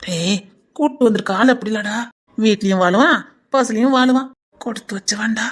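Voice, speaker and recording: Woman, Tirunelveli accent, comic sketch, nosy gossiping chatter, slightly high voice. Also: brisk. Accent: Tirunelveli Tamil. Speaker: sketch comedian.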